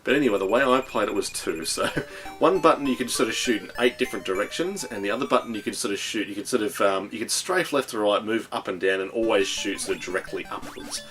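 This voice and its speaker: A man's voice: on the low side, animated, fast, a bit bright, soft background music. An Australian man reviewing old video games in a casual, rambling way, full of ums and restarts, and enthusiastic. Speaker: retro game reviewer.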